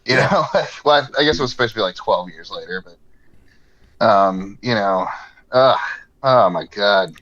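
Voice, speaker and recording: A man's voice: on the low side, animated, a little slow, a bit bright, lo-fi sound. A man in casual podcast chat, rambling along, swearing freely and laughing often. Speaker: podcast co-host.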